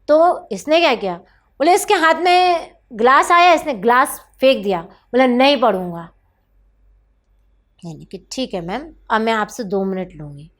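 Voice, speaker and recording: A woman counsellor recounting a session with a mother and child, acting out the dialogue and dropping to soft asides. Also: a little high.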